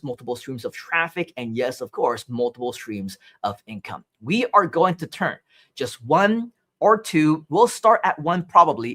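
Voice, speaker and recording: A man's voice: fairly high pitch, a bit bright. A man from Hong Kong in his thirties, hosting a live-streamed marketing training in a conversational way, often asking "right?" and reading out viewer chat messages. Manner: conversational, asks viewers questions, frequent "right?".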